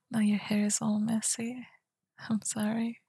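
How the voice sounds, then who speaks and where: A woman whispering softly in a tender, soothing ASMR roleplay, speaking close to the mic. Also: a little high, completely flat delivery, no echo. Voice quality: breathy whisper. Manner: soft, tender and soothing, slow murmurs. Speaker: girlfriend roleplayer.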